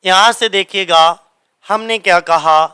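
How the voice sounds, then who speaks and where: This is a man teaching English literature, his voice bright and smooth, a little high for a man. He talks slowly and deliberately, mixing Hindi with English and pausing to ask his students again and again, as if drilling them. The recording is close and dry. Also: no echo, poor audio. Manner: repeats key answers as quiz questions to students; mixes Hindi and English, reads English passages slowly. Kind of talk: exam-prep lecture.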